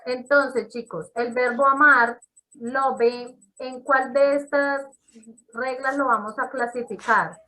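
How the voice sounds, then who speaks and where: A woman's voice: high-pitched, fairly even intonation, slow, bright, forceful tone, low-quality recording. A woman teaching an English class on a video call, explaining step by step and checking in with her students. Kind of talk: online class instruction.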